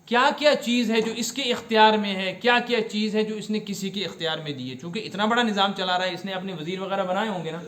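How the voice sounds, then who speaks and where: بلند آواز، گونجتا ہوا کشمیری لہجے والا بزرگ مفتی. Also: male voice, high-pitched, a bit bright, roomy sound. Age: older. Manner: explanatory, asks the audience questions and repeats Arabic words slowly. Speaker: mufti teaching Quran commentary. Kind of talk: religious lesson.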